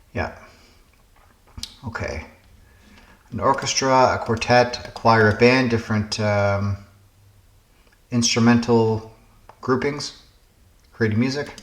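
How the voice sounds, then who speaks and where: A man's voice: mid-range voice, roomy sound. A man hosting a puzzle game channel, casually thinking aloud through word puzzles, musing and hesitating as he guesses.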